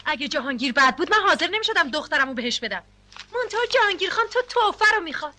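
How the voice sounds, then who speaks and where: A woman's voice: sits high, very animated, pushed and bright, exaggerated voice. An actress playing a domineering middle-aged wife and mother in a dubbed 1970s film, scolding and insistent. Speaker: scheming mother pushing her daughter's marriage.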